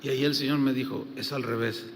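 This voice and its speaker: A pastor preaching a conversational sermon, telling stories and acting out the dialogue in them. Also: male voice, mid-range voice, steady tone, fast talker, vocal fry. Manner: conversational, acts out quoted dialogue. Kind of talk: sermon with storytelling. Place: church hall. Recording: reverberant hall with faint noise.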